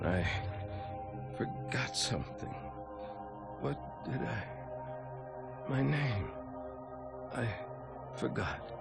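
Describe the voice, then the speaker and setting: An actor playing a captured, middle-aged starship captain who recites his name and service number in a strained, halting way and breaks into anguished, defiant shouts, in a video game cutscene. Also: mid-range voice, sing-song, vocal fry, loud music behind the voice, full character voice. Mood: disoriented. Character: captured veteran male starship captain, tormented but defiant.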